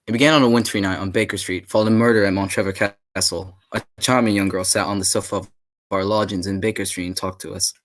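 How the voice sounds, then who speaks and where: A man playing a genial, courteous English gentleman doctor and storyteller in a radio drama, with old-fashioned phrasing. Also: fairly low pitch, fairly even intonation, fast, close to an everyday voice. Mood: genial, reminiscing. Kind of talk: radio drama narration and dialogue.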